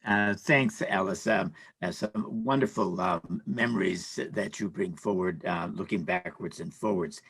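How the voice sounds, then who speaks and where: Older man with a gravelly, hesitant voice. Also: sits low, a little slow, hardly any pauses, a bit bright, dry recording. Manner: hesitant, many fillers and restarts. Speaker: panelist. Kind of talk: casual panel talk.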